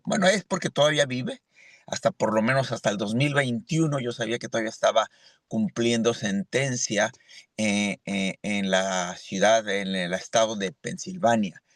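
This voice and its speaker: A man from Mexico with a fairly low voice delivers an earnest church sermon as a lay preacher, speaking a little slowly. He keeps asking his listeners a rhetorical "¿verdad?", and there's no echo.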